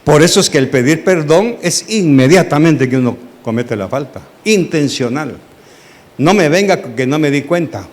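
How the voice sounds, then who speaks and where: Animated preacher man. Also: a little high, moderate pace. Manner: animated, asks the congregation questions, acts out dialogue. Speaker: pastor. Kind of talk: Bible study sermon.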